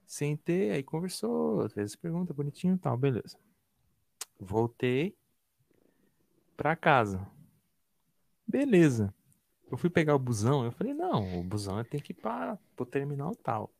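Young brazilian dude telling a story, all over the place pitch-wise, slangy and cursing, dry close sound. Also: male voice, unhurried, gravelly, long pauses, no echo. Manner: animated storytelling, slangy and profane, acts out others' lines. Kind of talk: casual chat.

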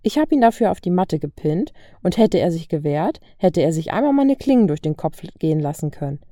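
A woman's voice: fairly low pitch, very animated, fairly quick, dark tone, no echo, clean studio sound. A woman doing a cheeky young tough girl. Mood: boastful, playful. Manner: playful, boastful banter. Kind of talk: audiobook reading of fan fiction.

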